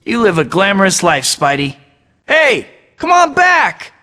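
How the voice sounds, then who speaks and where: A man's voice: high voice, huge pitch swings, measured pace, sharp tone, full character voice. A young man voicing a quippy, upbeat superhero in a video game, firing off sarcastic one-liners. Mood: wisecracking. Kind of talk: game voice clips. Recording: long reverb on the game audio.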